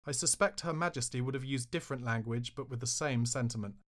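A man's voice: medium pitch, fast talker. A man reading his own memoir aloud in a wry, self-mocking way, bursting into raised outbursts when he quotes himself. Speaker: author narrating his memoir. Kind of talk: memoir audiobook narration.

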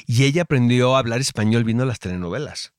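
A man's voice: mid-range voice, fast talker, a little mellow, no room sound, clean studio sound. A man with a Mexican accent co-hosting a podcast in casual chat. He rambles with many fillers and restarts. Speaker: podcast co-host.

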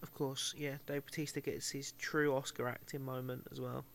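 A man's voice: mid-range voice, flat delivery, normal speed, vocal fry. A man co-hosting a podcast, jokey and swearing in casual chat. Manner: swears, jokey, laughs a lot. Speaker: podcast co-host.

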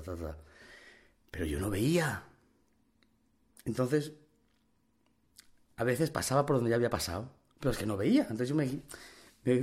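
Rambling, slangy Spanish man telling a story. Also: on the low side. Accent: Spain Spanish. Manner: rambling, slangy, full of fillers and mouth sound effects. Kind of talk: casual anecdote telling.

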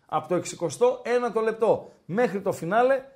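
High-pitched man, casual host, teasing, drawn-out pauses, live betting chat. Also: darkish tone. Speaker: podcast host and betting tipster.

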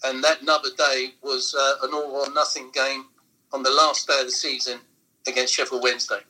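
A man's voice: mid-range voice, little pitch movement, a little fast, bright, forceful tone, low-quality recording. A man hosting a casual chat, agreeing briefly and then summing up the story.

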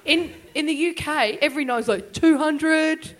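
An Australian woman comedian telling a story on a live panel, halting and self-deprecating. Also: high-pitched, a little hiss or hum. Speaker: comedian guest.

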